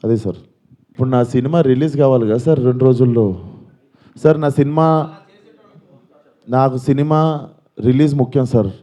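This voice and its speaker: A man's voice: medium pitch, fairly quick, pauses often, warm tone. Earnest young man pleading. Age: 20s. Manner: earnest, pleading, repeats himself. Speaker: film actor at a press meet. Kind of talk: press conference statement.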